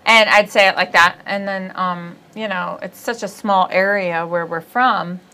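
With a sharp-toned, mid-range voice, fairly even intonation, and a measured pace, this Ohio woman in her forties hosts a casual comedic chat. Speaking with a Midwestern American accent, she sits on a small indoor studio set, chatting, laughing, and telling bawdy stories.

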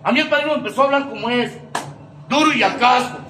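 Mexican man, high voice, emphatic slang-heavy recovery testimony; distant mic in an echoey room. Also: fast talker, sharp tone, soft background music. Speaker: speaker sharing his recovery testimony.

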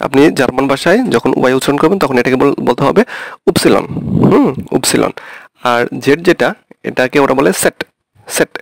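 A man's voice: medium pitch, expressive, fairly quick, vocal fry, no room sound. A young man from Bangladesh teaching a lesson in Bengali, explaining patiently and repeating each point with frequent check-ins. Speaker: language teacher.

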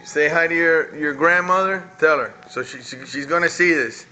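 A man casually filming his daughter at breakfast, gently coaxing her to eat and talk. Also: fairly high pitch, moderate pace, faint music behind, low-quality recording. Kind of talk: casual home video chat.

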